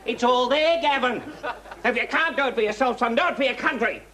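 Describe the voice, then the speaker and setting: A man's voice: very high-pitched, fairly quick, over a noisy crowd. A man playing a blustering, patriotic Australian father who lectures his son about winning, in a TV comedy sketch. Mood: ranting. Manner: ranting, lecturing, hectoring.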